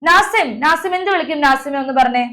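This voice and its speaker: A woman's voice: sits high, expressive, fairly quick, sharp tone. A young woman teacher leading an online class, calling on students by name and drilling letter sounds over a video call.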